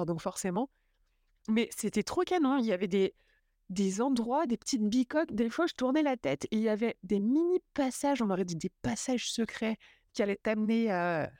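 A woman's voice: medium pitch, a little mellow, no echo. Chatty young woman, close dry sound. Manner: chatty, enthusiastic, many fillers. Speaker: podcast host. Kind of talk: casual travel chat.

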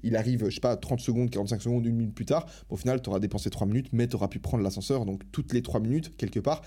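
A young man hosts a podcast alone, chatting casually with lots of slang and enthusiasm. He talks fast and keeps interrupting himself, his mid-range voice mellow and slightly rough.

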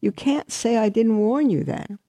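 A woman voicing a vain, haughty fir tree in a high, smug, mocking voice while reading a Christmas story aloud. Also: a little slow, dark tone, dry recording. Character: haughty smug fir tree, female-sounding, sharp-tongued.

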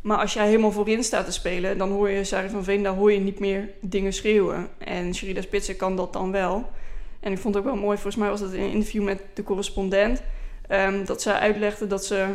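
Flat-voiced woman analyzing football. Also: mid-range voice, brisk, few pauses. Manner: analytical, explains at length. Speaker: women's football pundit. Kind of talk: casual podcast discussion.

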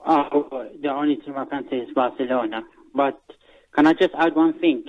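A man's voice: medium pitch, moderate pace. A man phoning a radio show, boasting in casual chat. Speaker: caller. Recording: tinny phone line.

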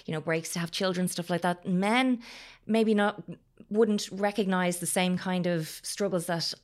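A woman's voice: lowish voice, steady tone, unhurried. A woman with an Irish accent hosting a casual interview, asking informal, rambling questions peppered with "like". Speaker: podcast host.

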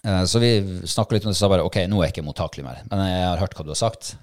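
Middle-aged man, lowish voice, animated casual storyteller. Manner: animated, acts out his own thoughts and shouts. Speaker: podcast co-host, hunting dog handler.

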